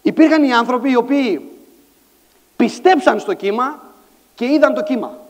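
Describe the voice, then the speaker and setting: Male conference speaker, high voice, lively storyteller, hall reverb. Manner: animated storytelling, acts out dialogue, shouts lines. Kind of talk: motivational stage talk. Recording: echoey hall sound.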